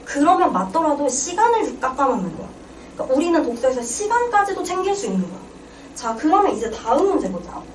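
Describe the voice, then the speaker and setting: Lively high-voiced woman teaching in a roomy space. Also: fairly quick. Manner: lively, questioning students and answering herself. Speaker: Korean reading tutor. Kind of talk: exam-prep lecture. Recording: roomy, distant mic with clear background noise.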